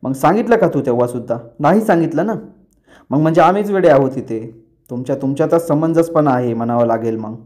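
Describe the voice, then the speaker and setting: Guy doing an angry dad yelling at his son, harsh, warm low voice underneath. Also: animated, a little fast, natural voice. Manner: harsh, scolding. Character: angry stern father, shouting at his son.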